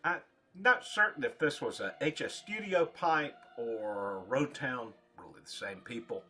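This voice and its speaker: A man giving a casual, rambling product review in short, halting phrases, as a reviewer talking to his viewers. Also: mid-range voice, animated, sharp tone, soft background music. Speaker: pipe tobacco reviewer.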